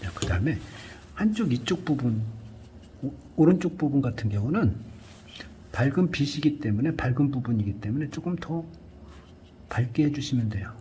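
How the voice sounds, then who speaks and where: A man giving a calm painting lesson, talking through each brushstroke and often dropping to a near whisper. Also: medium pitch, normal speed, slight background noise. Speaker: art instructor. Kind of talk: painting tutorial narration.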